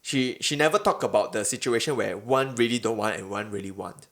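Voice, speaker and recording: A man's voice: on the low side, a little fast, a bit bright. Casual young Singaporean man. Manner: colloquial Singlish phrasing with lah particles. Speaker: podcast host. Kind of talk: casual chat.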